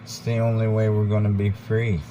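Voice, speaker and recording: An American man giving an informal, rambling monologue, earnest and deliberate, repeating phrases for emphasis. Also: completely flat delivery. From United States. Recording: background noise with vehicle rumble.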